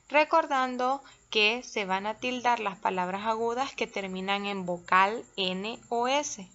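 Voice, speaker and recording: Female teacher, unhurried and methodical, dull lo-fi sound. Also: mid-range voice, fairly bright tone. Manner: slow, careful, spells out syllables. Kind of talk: recorded classroom lesson.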